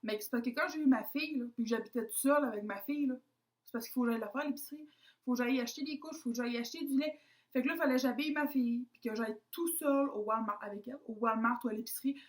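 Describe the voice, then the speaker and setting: A woman's voice: fairly high pitch, rapid-fire. A young woman with a Québécois French accent, chatting casually to camera as a vlogger, self-mocking and dropping in English words.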